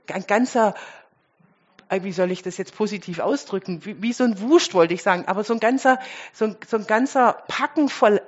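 A woman preaching to a congregation, her voice slightly husky and breathy. She moves between forceful emphasis and soft asides and poses rhetorical questions to her listeners. The recording is muffled and dull, with the highs rolled off. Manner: expressive, swings between loud emphasis and quiet asides. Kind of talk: sermon.

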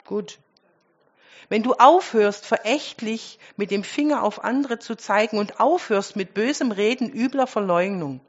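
A woman preaching to a congregation, her voice slightly husky and breathy. She moves between forceful emphasis and soft asides and poses rhetorical questions to her listeners. The recording is muffled and dull, with the highs rolled off. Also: a little slow. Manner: expressive, swings between loud emphasis and quiet asides. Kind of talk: sermon.

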